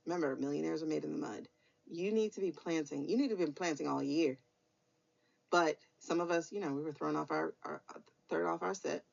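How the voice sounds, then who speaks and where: A low-pitched American woman with vocal fry gives her weekly tarot reading as a casual spiritual chat. She's frank and encouraging, with some mild swearing. The recording is dull and lo-fi.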